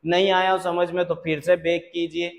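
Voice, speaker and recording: Slow-talking man tutoring physics. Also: high voice, little pitch movement, creaky. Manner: calls students "beta", checks understanding; slow, deliberate explaining. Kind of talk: exam problem walkthrough.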